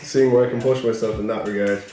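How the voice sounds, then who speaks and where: A young man chatting casually as a fitness vlogger, his voice hoarse and worn, chuckling between answers. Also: lowish voice, fairly even intonation, quick pace, mellow. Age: young adult. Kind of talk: casual chat. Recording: echoey room with music behind.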